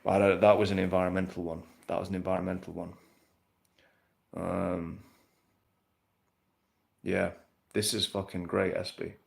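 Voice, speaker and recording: A man's voice: deep voice, little pitch movement, normal speed, gravelly, pauses often. A man, talking bluntly and casually with plenty of swearing while answering viewer questions on a live stream. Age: 30s.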